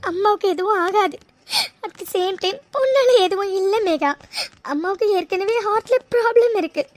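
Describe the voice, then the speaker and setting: Brief: gentle comforting girlfriend in a cartoon, as a woman puts her on, very high and dry-sounding. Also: moderate pace, no room sound. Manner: soothing, pleading. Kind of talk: cartoon voice acting.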